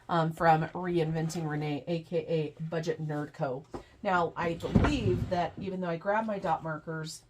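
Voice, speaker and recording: A woman's voice: medium pitch, slight background noise. A middle-aged woman hosting a casual budgeting vlog, congested from a cold, chatting to viewers as "you guys" while faint clicks sound behind her. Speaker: budgeting channel host.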